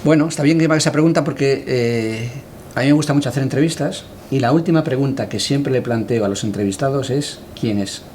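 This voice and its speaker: A middle-aged man from Galicia answers interview questions in a calm, reflective way. His pitch sits in an ordinary middle range, and he often pauses on hesitant fillers as he gathers his thoughts. A faint hiss of background noise sits under his voice. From Galicia, Spain. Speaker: interview guest, cultural editor.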